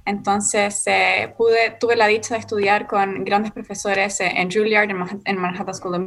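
A woman's voice: mid-range voice, little pitch movement, normal speed, vocal fry, fairly bright tone. Earnest Chilean woman radio guest. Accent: Chilean Spanish. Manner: earnest, with fillers. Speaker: guest musician. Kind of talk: radio interview.

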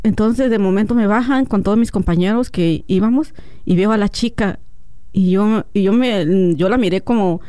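Woman telling her story with a mellow voice. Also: mid-range voice, moderate pace, no room sound. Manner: animated storyteller, acts out dialogue. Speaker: guest. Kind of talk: telling a personal story in an interview.

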